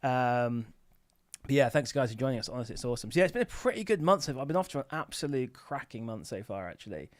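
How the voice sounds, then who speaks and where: A man's voice: medium pitch, sing-song, quick pace, no room sound, studio quality. A man hosting a casual livestream, chatting informally and rambling as he answers viewers. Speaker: livestream host answering questions about online selling. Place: office.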